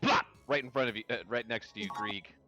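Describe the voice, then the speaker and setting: A man narrating as game master of a tabletop game over voice chat, relaxed and easygoing, with fillers. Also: mid-range voice, fairly quick, music in the background.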